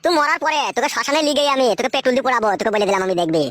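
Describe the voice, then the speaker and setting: A woman's voice: high-pitched, lively intonation, racing, fairly bright tone, no room sound. A woman voicing a sullen, insolent young son in a comic skit, talking back.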